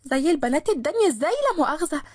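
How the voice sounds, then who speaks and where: A woman's voice: high-pitched, sing-song, racing, no room sound, studio quality, pitched above the performer's own voice. A woman voicing a feisty, sarcastic twenty-two-year-old woman in an Egyptian Arabic accent. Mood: sarcastic indignant. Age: 20s. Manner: sharp-tongued, sarcastic, indignant.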